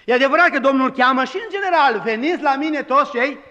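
A man's voice: very high voice, lively intonation, sharp tone, big-room sound, dull audio. A man preaching a sermon as pastor, with emphatic delivery and dramatized quoted lines.

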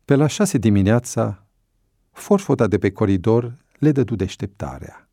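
A male narrator reading a novel aloud with measured, unhurried delivery. His voice is low, gravelly and mellow. The recording is dry and close. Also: animated, dry recording. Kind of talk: audiobook narration.

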